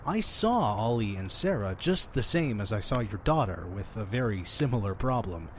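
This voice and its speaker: This fairly low male voice swings widely in pitch at a normal speed, with slight background noise. He voices a warm, enigmatic innkeeper spinning tales in an audio drama, earnest, persuasive and a bit folksy in both narration and dialogue.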